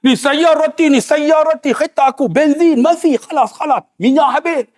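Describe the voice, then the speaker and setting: A man acting out a baffled old village rubber tapper, blunt and bewildered, with a northern Malaysian Malay accent. His voice sits high and rises sharply on the repeated phrases. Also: moderate pace.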